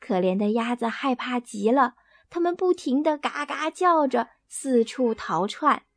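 A woman reads a bedtime story aloud in a gentle, expressive way, her voice sitting high and her pace slow and unhurried. The recording is close and dry, with no room sound. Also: no room sound.

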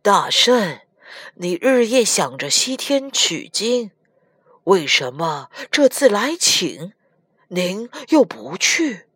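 A woman's voice: medium pitch, big pitch swings, slow, a bit bright, breathy edge, no room sound, clean studio sound, heavily acted. A woman voicing a puzzled old male monkey who asks respectfully.

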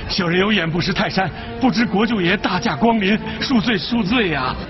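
An actor playing a fawning commoner in a costume drama, begging pardon, in a lo-fi clip. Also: male voice, high voice, expressive, normal speed. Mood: groveling. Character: groveling male commoner. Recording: lo-fi TV clip with music and crowd.

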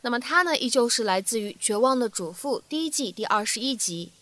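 A young woman teacher leads a spoken English lesson, repeating phrases slowly and carefully to drill pronunciation. Her voice is high and bright, recorded close and dry with no room sound. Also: animated, no echo.

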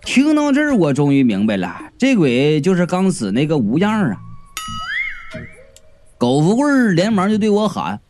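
A man's voice: a little high, huge pitch swings, moderate pace, darkish tone. A man narrating a comic story in a playful, wry manner. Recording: faint background music.

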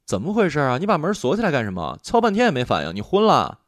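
Brief: a man putting on a high, lively young woman roommate, teasing and coaxing, audio story. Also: no room sound, studio quality. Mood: annoyed. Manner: playful, coaxing, brisk.

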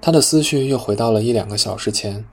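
A man narrating a novel as an audiobook, calm and even. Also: on the low side, fast talker, slightly rough.

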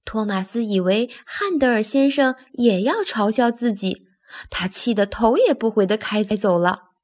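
Slow, lively woman reading to children. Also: a little high. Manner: lively and expressive, speaking to children. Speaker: children's storyteller. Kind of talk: children's story narration.

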